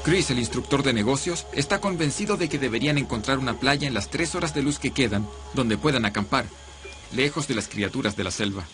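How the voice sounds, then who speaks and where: A man reading a documentary's dubbed narration in a measured, serious way. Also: mid-range voice, expressive. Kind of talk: scripted narration, dubbed voice-over. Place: studio voice-over.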